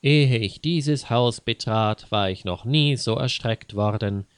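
A man's voice: medium pitch, expressive, measured pace, clear, resonant tone, no echo, close to an everyday voice. A man voicing a timid, easily offended young man in a read-aloud story. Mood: fearful. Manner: fearful, indignant.

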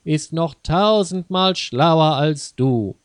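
A playful little sister from a storybook, teasing and sing-song, as a man reads her lines. The voice sits a bit higher than the narration and comes out smooth and crisp. The recording is dry and close. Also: expressive, slow, dry recording.

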